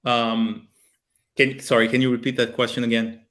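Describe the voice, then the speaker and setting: A guest pilot who also makes aviation videos, this Brazilian man in his thirties speaks at a moderate pace with a flat delivery and a fairly bright, mid-range voice. His Brazilian Portuguese accent comes through as he earnestly answers in a casual video-call interview, full of fillers and restarts. He uses a webcam in a small home office with a plane picture.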